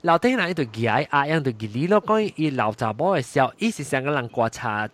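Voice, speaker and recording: A man hosting a casual chat, telling a ghost story in an animated way, laughing often and mixing in English words. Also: mid-range voice, brisk. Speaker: host.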